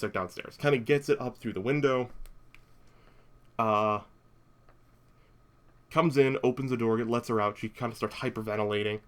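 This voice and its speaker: A young man talks through a horror film's plot for his podcast in a loose, chatty way. He throws in dry, wry asides and a lot of filler words. His voice sits at an ordinary middle pitch. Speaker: podcast host. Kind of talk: casual movie recap.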